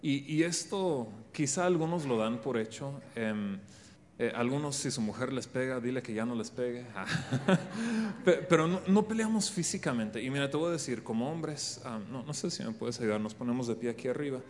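A man's voice: medium pitch, moderate pace, darkish tone. A man giving a live talk on marriage, offering joking, conversational advice to the audience. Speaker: speaker on marriage, husband. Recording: reverberant hall, faint background noise.

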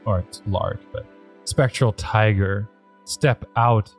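A man with a low voice serves as game master. He shifts between casual rules talk and scene narration, with music playing behind him. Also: takes it slowly.

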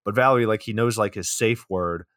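A man's voice: on the low side, a little fast, a bit bright, no room sound. A man co-hosting a podcast, casually recapping a film plot with dry, profane asides. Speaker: podcast co-host. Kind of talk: casual movie recap chat.

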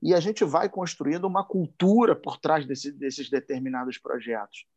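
Heard through lo-fi sound, this man's voice is on the high side, darkish, and breathy, moving at a normal speed. He's from Brazil, speaks with a Carioca accent, and gives a passionate, emphatic talk full of slang, climbing in pitch and pace as he heats up.

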